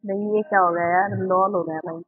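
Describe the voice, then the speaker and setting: A man, giving loud, excited commentary on his own gameplay as a channel host and calling out to his opponent. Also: high-pitched, a little fast, breathy edge, phone-quality sound. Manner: loud, exclamatory, bossing his opponent around.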